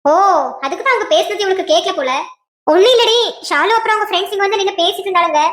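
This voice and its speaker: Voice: extremely high pitch, fast talker, fairly bright tone, reverberant, slight background noise. A woman voicing a bossy, gossiping young female friend in a cartoon, scolding and teasing with a Kanyakumari Tamil accent. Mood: gossipy.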